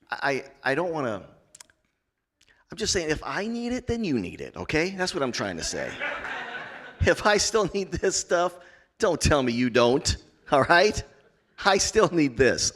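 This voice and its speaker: A man's voice: medium pitch, a bit bright. A man, the pastor, speaking earnestly and repeating his points as he presses them home on a church panel. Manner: earnest, repetitive, rising to emphatic. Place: church conference stage.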